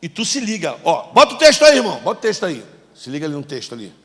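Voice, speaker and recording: Pastor guy running a bible skit during a sermon, yells cues and jokes around, echoey church hall. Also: on the high side, very animated, racing. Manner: coaching volunteers, shouting cues and joking. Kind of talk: sermon with a staged Bible scene.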